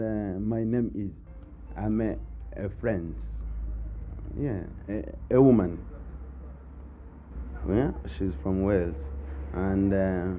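A man speaks slowly and hesitantly in a fairly low voice. The recording is narrow and phone-like. A faint background noise runs underneath. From Republic of Congo. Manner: slow and hesitant, with fillers. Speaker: interviewee. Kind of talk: personal account.

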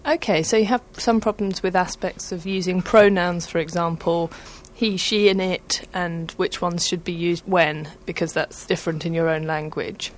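A woman's voice: on the low side, steady tone, moderate pace, hardly any pauses. A woman presenter, interviewing patiently and rephrasing her questions.

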